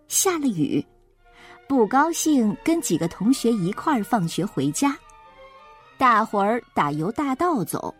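A woman reading a children's story aloud with an expressive, animated delivery. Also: high voice.

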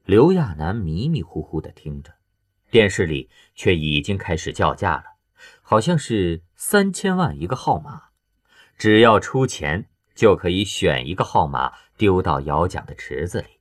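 Male audiobook narrator, very low voice, lively expressive pitch, dry close sound, faint music behind. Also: no echo. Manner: expressive storytelling.

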